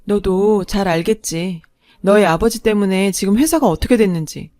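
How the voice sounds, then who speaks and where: A woman voicing a harsh, domineering older mother-in-law who speaks slowly and coldly, in a storybook reading. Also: medium pitch, mellow, no echo, studio quality, natural voice. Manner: slow, cold and commanding.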